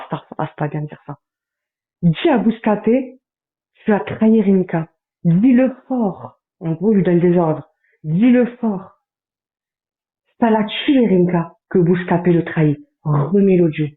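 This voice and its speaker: A man on a livestream, reading out chat messages in a running commentary with quick asides. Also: sits high. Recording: tinny phone-like sound in a roomy space.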